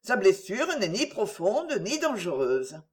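A woman's voice: mid-range voice, very animated, a little slow. Unruffled mom type, cool and composed, a woman voicing her. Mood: calm. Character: calm, phlegmatic middle-aged mother.

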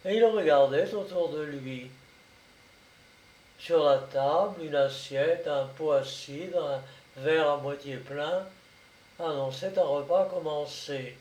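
A man narrating a classic short story aloud in a measured, expressive reading. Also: on the high side, distant mic. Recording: echoey room, voice set back from mic.

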